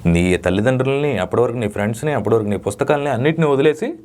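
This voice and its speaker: A man, a dubbing artist, giving emphatic, lecturing interview answers with sudden loud rises. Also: medium pitch, animated, racing.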